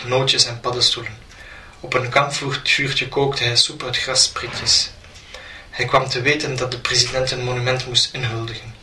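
A man reading a short story aloud in an even storytelling manner. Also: mid-range voice. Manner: flat, even storytelling delivery. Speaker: narrator. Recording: roomy, distant mic, faint noise.

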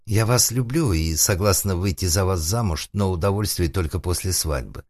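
A man's voice: low voice, moderate pace, a little mellow, no room sound, studio quality. A man voicing a proud, prim young woman who sighs, pleads and stands her ground, in a comic audiobook. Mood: prim, stubborn. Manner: breathy, pleading, coquettish sighs. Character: proud young marriageable beauty, prim and coy.

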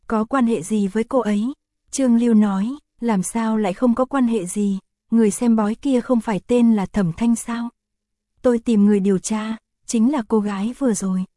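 Mellow-voiced woman reading an audiobook. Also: fairly high pitch, no room sound, studio quality. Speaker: audiobook narrator. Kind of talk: scripted audiobook narration.

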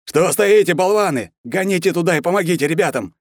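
A man reading a story aloud and voicing a panicked army colonel who yells orders over a radio. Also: sits high, animated, brisk, no room sound, studio quality, pitched above the performer's own voice. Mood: furious. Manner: yelling, furious and near hysteria.

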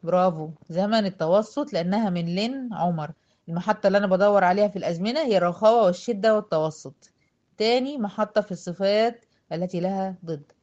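A woman's voice: mid-range voice, darkish tone, muffled recording. Egyptian woman teaching Quran recitation. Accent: Egyptian Arabic. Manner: patient, quizzing students, drawing out words to demonstrate. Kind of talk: online tajweed lesson.

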